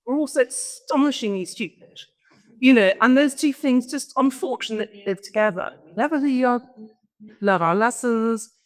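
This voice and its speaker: A woman's voice: fairly high pitch, moderate pace. A woman giving an informal conference talk as a guest speaker, rambling and often interrupting herself. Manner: rambling, self-interrupting storyteller. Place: large event hall. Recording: long hall reverb.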